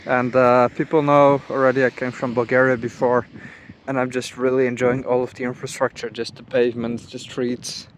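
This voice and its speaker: Calm man with a flat voice. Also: medium pitch, normal speed, few pauses, a little hiss or hum. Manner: relaxed, musing, thinking aloud. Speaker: travel vlogger. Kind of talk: casual walking vlog narration. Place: outdoors on small-town streets.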